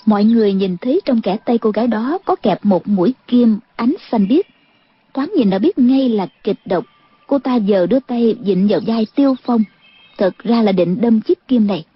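A woman reads a martial-arts novel aloud in a steady storytelling manner. Her voice is fairly high and a little breathy. The recording is dull and lo-fi. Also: moderate pace, dry recording. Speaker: audiobook narrator. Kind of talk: scripted narration.

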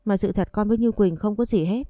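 A man's voice: high voice, quick pace, mellow, no echo, studio quality, faint music behind, voice pushed up. A woman voicing a pleading, remorseful young man. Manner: whining, pleading.

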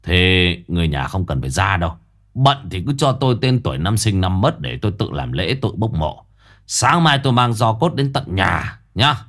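A man doing a low, crafty old fortune-teller. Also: sing-song, moderate pace, fairly bright tone, heavily acted. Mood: wheedling. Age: older. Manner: smug, gruff, clicking his tongue.

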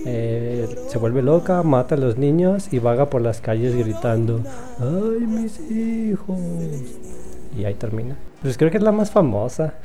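A man from Mexico, chatting casually and making dry, deadpan jokes. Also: mid-range voice, normal speed, hardly any pauses. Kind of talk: casual chat among friends.

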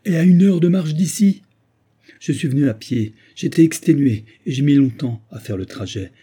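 A man's voice: mid-range voice, lively intonation, normal speed, warm tone, breathy edge, voice pushed up. A man reading an audiobook and voicing a desperate, remorseful woman who pleads and wails. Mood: frantic. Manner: wailing, pleading outbursts.

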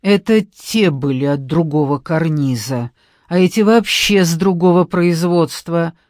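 A woman's voice: fairly low pitch, lively intonation, a little slow, a little mellow, no echo, studio quality. A woman reading an audiobook, voicing a stern middle-aged woman who talks in an indignant, curt, commanding way.

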